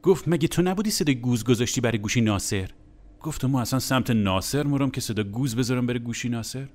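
Young guy telling a funny crude story, blunt and annoyed, normal pitch. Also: expressive. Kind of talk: comic spoken anecdote.

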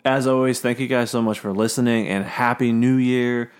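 Dude cohosting a chill podcast, medium voice, dry teasing humor. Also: male voice, mid-range voice, steady tone, normal speed, clean tone. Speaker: podcast co-host. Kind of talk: casual chat.

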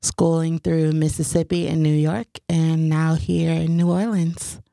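A woman's voice: sits low, little pitch movement, unhurried, gravelly, warm tone, no echo, clean studio sound. A woman poet from Detroit answering interview questions in a chatty way, with many "like"s and "um"s. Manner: chatty, frequent "like" and "um".

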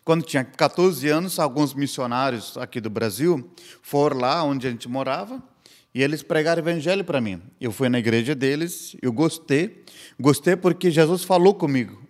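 An Indian man, a missionary guest on a podcast, earnestly shares his personal testimony in simple, slightly broken Portuguese. His voice is on the high side and animated, at normal speed.

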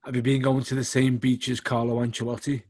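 A man's voice: mid-range voice, level tone, brisk, a little mellow, dry recording. A man asking casual questions as an interviewer.

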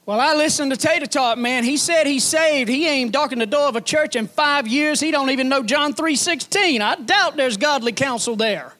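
A man preaching a sermon as pastor, folksy and animated, building emphasis through repetition. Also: very high-pitched, moderate pace, hardly any pauses.

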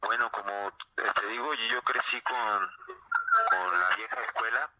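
A man's voice: on the low side, a little slow. A man from Mexico with a Mexico City Spanish accent, answering interview questions as a martial arts fighter, hesitant and full of fillers and repeated words. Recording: muffled lo-fi line with clear noise.

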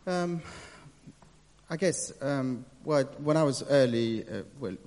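A young man from Nepal, telling his story in a church interview, hesitant with many pauses and easy laughs. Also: medium pitch, a little mellow. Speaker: interview guest. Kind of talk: casual testimony in church. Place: church hall. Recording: reverberant church hall.

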